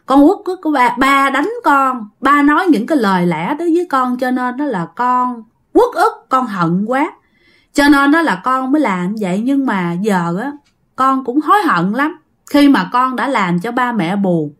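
A woman's voice: high voice, lively intonation, normal speed, fairly bright tone. A woman voicing the ghost of a young man who speaks through a possessed woman, tearful and pleading.

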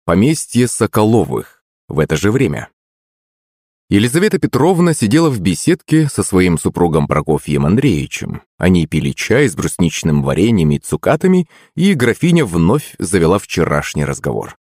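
A man with a very deep, husky voice reads an audiobook in first person. His pitch moves in wide, lively swings, and the sound is dry and close. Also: normal speed, no room sound. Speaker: audiobook narrator.

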